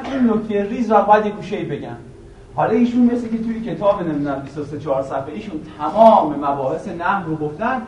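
Guy teaching grammar to a class, keeps asking them questions, slightly high voice, roomy echo, mic kinda far. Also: muffled recording, slight background noise. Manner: quizzes the class with rhetorical questions; recites a verse slowly and repeatedly. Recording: echoey room, voice from a distance.

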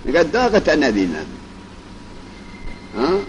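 A man teaching Arabic grammar in a colloquial classroom lecture, explaining in plain speech and reciting example sentences slowly. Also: on the high side, wildly swooping pitch. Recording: dull lo-fi recording with faint vehicle noise.

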